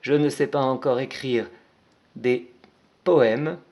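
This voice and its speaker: Slow, patient man teaching handwriting. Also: mid-range voice, a little mellow, lo-fi sound. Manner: slow, patient, spells out letters and strokes step by step. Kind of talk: handwriting lesson for young children.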